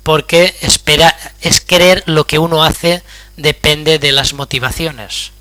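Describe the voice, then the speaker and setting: A man's voice: fairly high pitch, fairly even intonation, unhurried, sharp tone, no room sound. A middle-aged man giving a public lecture, telling personal anecdotes in a conversational way and often checking in with the audience. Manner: conversational storytelling, frequent "¿vale?" check-ins.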